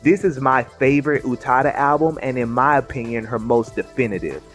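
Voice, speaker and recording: A man reading scripted narration in a measured, informative way. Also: mid-range voice. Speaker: video essay narrator. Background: faint music.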